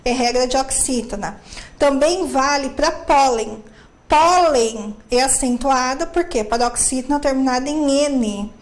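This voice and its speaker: High-voiced woman teaching grammar, echoey room. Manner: explains step by step, asks and answers own questions. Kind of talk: grammar lesson.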